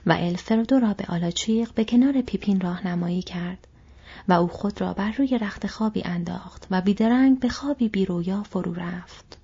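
Woman audiobook reader, whispery and dark-toned, lo-fi sound. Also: medium pitch, breathy edge. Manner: soft, whispery reading. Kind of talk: audiobook narration. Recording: dull lo-fi recording.

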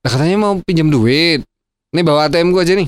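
A man's voice: on the high side, fast, smooth. A man in a comedy sketch, laid-back and teasing, cracking dry jokes.

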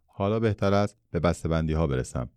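A man's voice: deep voice, animated, darkish tone, no echo. A man voicing a stern, businesslike father. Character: stern wealthy father, factory owner. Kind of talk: storybook reading.

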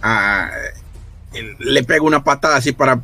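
A man's voice: mid-range voice, moderate pace, sharp tone, no echo, soft background music. Rambling Spanish man at the game table. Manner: rambling, with restarts. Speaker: player. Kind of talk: casual tabletop play.

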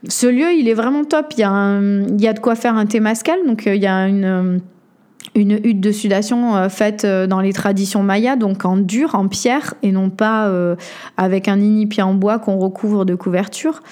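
A woman hosting a podcast, telling a personal story in an animated way, full of hesitations and fillers. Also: medium pitch, moderate pace. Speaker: podcast host.

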